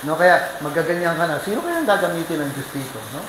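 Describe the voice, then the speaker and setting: A pastor delivers a lively storytelling sermon in church, speaking fast and repeatedly posing questions to the congregation. The mid-range voice sounds roomy, set against a noisy background.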